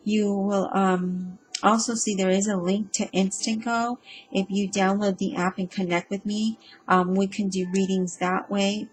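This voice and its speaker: A woman reads tarot cards aloud in a relaxed, off-the-cuff way, addressing the listener directly. She stops and starts often, repeating herself and filling pauses with ums. Her voice sits at an ordinary middle pitch, with a faint ambient hum behind her. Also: poor audio. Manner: hesitant and halting, with frequent ums and self-repeats. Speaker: tarot reader. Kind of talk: casual spoken tarot reading.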